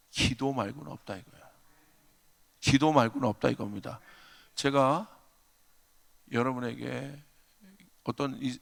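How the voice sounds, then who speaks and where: A man's voice: mid-range voice, gravelly. A male pastor preaching a revival sermon in a church, emphatic, calling out hallelujahs and telling stories. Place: church sanctuary. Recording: long church hall reverb.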